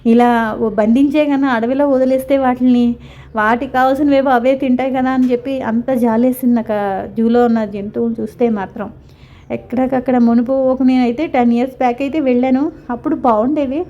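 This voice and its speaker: A woman's voice: high-pitched, fairly even intonation, brisk, warm tone, lo-fi sound. A middle-aged woman from India narrating a casual vlog of a zoo visit, talking in a sympathetic, rambling way with many restarts. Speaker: vlogger. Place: outdoor zoo park.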